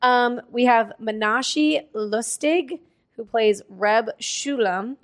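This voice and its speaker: A woman's voice: fairly high pitch, takes it slowly. A woman co-hosting a casual podcast, reading movie credits and critics' reviews aloud and laughing often. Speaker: podcast co-host.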